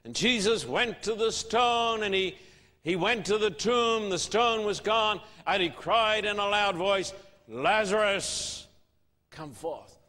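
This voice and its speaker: A man's voice: high-pitched, measured pace, bright, forceful tone. A man preaching a sermon, emphatic and fond of rhetorical questions. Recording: long hall reverb.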